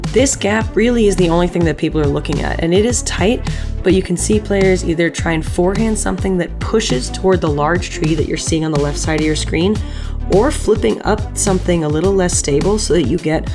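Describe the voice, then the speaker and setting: A woman's voice: on the low side, brisk. A woman co-commentating on disc golf in a conversational golf commentator's style. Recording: music behind the voice. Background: background music.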